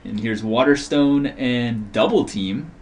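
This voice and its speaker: A man's voice: mid-range voice, takes it slowly, a little hiss or hum. A man co-hosting a casual card game video, explaining card rules at length and thinking aloud about his picks. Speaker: co-host drafting cards.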